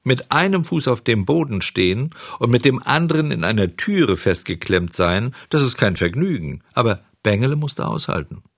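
A man narrating a children's story in an expressive, lively reading style. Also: medium pitch, moderate pace, creaky, few pauses, no room sound, studio quality. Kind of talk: audiobook storytelling.

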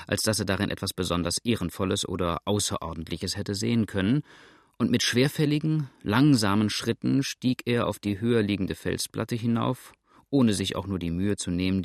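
A man reading an audiobook as the narrator, in a measured, steady way. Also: fairly low pitch, gravelly, no room sound, clean studio sound. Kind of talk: scripted narration.

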